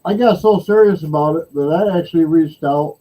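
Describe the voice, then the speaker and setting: A man in his sixties hosting a casual chat, his voice pitched a little high but dark and mellow. He talks in a loose, rambling way and laughs easily. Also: fairly quick, rough recording. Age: 60s. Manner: relaxed, rambling storyteller who laughs easily.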